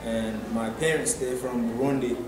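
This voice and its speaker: A man's voice: mid-range voice, fairly even intonation, moderate pace, music in the background. Young man, very echoey. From Tanzania. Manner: hesitant, many fillers and restarts. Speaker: interviewee. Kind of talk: personal story for a documentary. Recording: very echoey room, distant mic, noisy.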